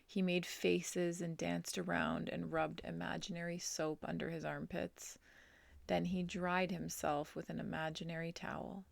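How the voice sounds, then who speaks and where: A woman reading a children's novel aloud, slowly and gently, dropping to a whisper in quiet passages. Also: on the low side, flat delivery, vocal fry, no echo. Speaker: storybook reader.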